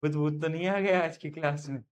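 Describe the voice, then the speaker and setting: A man's voice: on the high side, a little fast. A man teaching a live online science class in Hindi, chatty and teasing his students, slipping into English terms.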